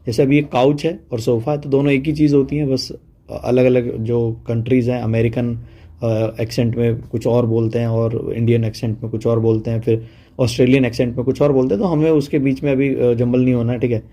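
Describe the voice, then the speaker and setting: A man's voice: medium pitch, little pitch movement, brisk, warm tone. A man giving a casual online vocabulary lesson, chatty and full of fillers, checking in often with his listeners. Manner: chatty, mixes Hindi and English, says "ठीक है" often. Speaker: teacher.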